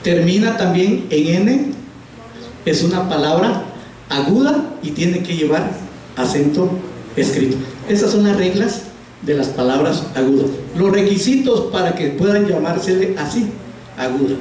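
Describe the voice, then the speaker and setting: This man speaks in a high, expressive voice that's unhurried and slightly mellow. He's teaching grammar to a class in a house of prayer, patiently posing questions and repeating the answers he gets. A strong echo fills the room, his voice comes from a distance, and a faint hiss is audible.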